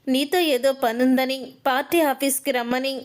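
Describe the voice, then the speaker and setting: A woman's voice: high voice, level tone, normal speed, lightly acted. A woman reading the lines of a domineering mother-in-law who scolds and threatens. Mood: scolding.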